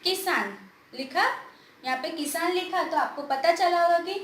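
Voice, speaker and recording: In a roomy-sounding space, a woman with a very high-pitched, fairly bright voice gives children a grammar lesson. She asks questions, supplies the answers herself, and draws words out slowly to demonstrate how they sound.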